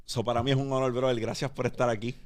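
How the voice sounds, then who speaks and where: A Puerto Rican man hosting a casual podcast conversation, energetic and mixing English words into his Spanish. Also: medium pitch, quick pace. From Puerto Rico. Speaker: podcast host.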